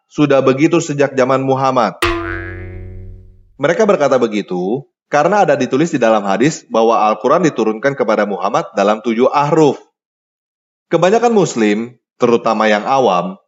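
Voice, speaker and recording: A man reading a scripted narration in an even, formal manner. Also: mid-range voice, dull audio. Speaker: narrator of a played video.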